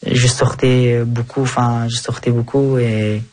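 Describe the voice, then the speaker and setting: A young man from Afghanistan giving a calm personal account in an interview, speaking carefully and correcting himself as he goes. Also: medium pitch, unhurried. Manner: careful speech with self-corrections and fillers.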